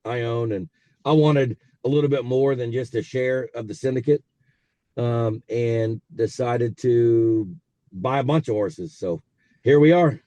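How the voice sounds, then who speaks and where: This racehorse owner from South Texas, a man in his forties, is an interview guest on a phone call, spinning stories from his car's speakerphone as he drives. He talks at a measured pace in a mellow, medium-pitched voice, easygoing and rambling, full of fillers, with no room sound.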